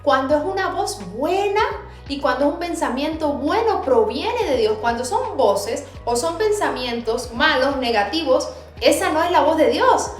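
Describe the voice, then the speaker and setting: A woman preaching with fervor to her viewers from a clinic, swinging from soft words to loud emphasis. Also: sits high, expressive, measured pace, roomy sound, faint music behind. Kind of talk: preaching to the camera.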